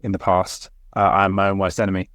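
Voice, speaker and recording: A man's voice: sits low, completely flat delivery, brisk, a bit bright, no echo, studio quality. A man co-hosting a casual podcast chat, speaking candidly and reflectively, often restarting his sentences. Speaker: podcast co-host.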